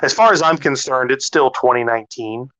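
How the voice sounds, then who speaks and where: A man co-hosting a casual podcast chat, excitable, swearing freely and stumbling over his words. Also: mid-range voice, fairly quick, a crowd in the background, rough recording. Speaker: podcast co-host.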